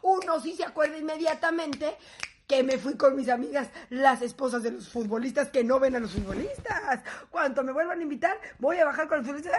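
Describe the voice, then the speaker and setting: A woman with a Mexican Spanish accent telling a story to her viewers in an animated, swearing way, acting out voices. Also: sits high. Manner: acts out quoted voices. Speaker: vlogger.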